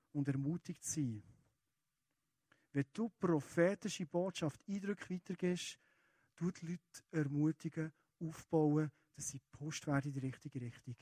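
A man with a Swiss German accent preaching a sermon, talking to the congregation in an earnest, conversational way. His voice sits a bit higher than most men's, and the recording is dry and close. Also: darkish tone, no room sound. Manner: earnest and conversational, addressing listeners directly.

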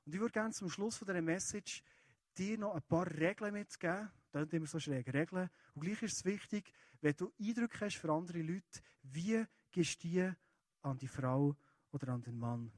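A man with a Swiss German accent preaching a sermon, talking to the congregation in an earnest, conversational way. His voice sits a bit higher than most men's, and the recording is dry and close. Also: normal speed, dry recording. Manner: earnest and conversational, addressing listeners directly.

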